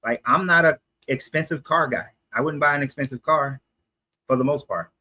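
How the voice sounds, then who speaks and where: A man from Atlanta, USA, argues on the street in a casual conversation, explaining at length and correcting himself as he goes. His voice is medium in pitch and bright, with a forceful tone and a moderate pace.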